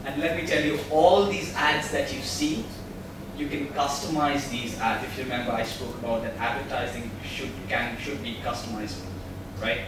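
In a presentation at a tech meetup, a man at a podium walks his audience through explanations and asks them questions. His mid-range voice holds a steady tone at a normal speed. Recorded from far off by a camera mic, the large room sounds echoey and noisy.

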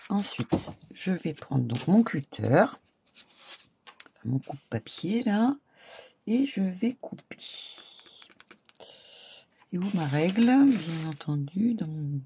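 A woman's voice: deep voice, sing-song, slow pace, creaky, long pauses, dark tone, slight background noise. A woman hosting a casual crafting tutorial, chatting and narrating her steps as she works. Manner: chatty, talks while working, many fillers. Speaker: crafting video host.

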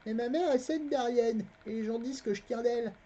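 A reader voicing an earnest, quick-witted young farm boy in a high, eager voice, reading a fantasy novel aloud. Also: mellow, close to an everyday voice. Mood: playing dumb. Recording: dull, lo-fi stream audio.

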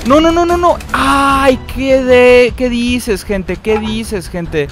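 A young Mexican gaming streamer with a high voice provides live gameplay commentary from a desk in an indoor room, on facecam, with game music underneath. He's excitable, chatty and slangy, bursting into high-pitched outbursts, though his pace is slow.

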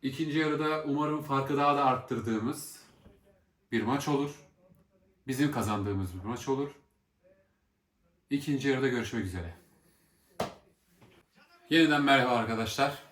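A man's voice: mid-range voice, normal speed, long pauses, a bit bright. A man giving casual match reactions as a fan vlogger, repeating and rephrasing his points as he goes. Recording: echoey room with faint background noise.

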